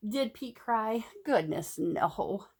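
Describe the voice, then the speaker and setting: Reading a picture book aloud to young children like a teacher, a woman is animated, stretching out words, asking the listener questions and phrasing things in a sing-song way. Her mid-range voice is slow and gravelly with a breathy edge.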